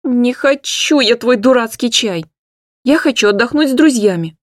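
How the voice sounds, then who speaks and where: A woman reading an audiobook, voicing a defiant eighteen-year-old girl who shouts at her parents. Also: fairly high pitch, lively intonation, moderate pace, no room sound, studio quality, pitched above the performer's own voice, close to an everyday voice. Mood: furious shouting. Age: teens.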